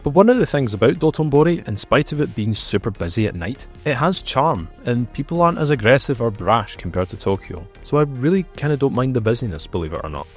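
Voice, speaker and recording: A man's voice: medium pitch, big pitch swings, fast talker, hardly any pauses, slightly rough, soft background music. A man in his thirties narrating a travel vlog, with wry, sarcastic asides and playful emphasis. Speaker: travel vlogger.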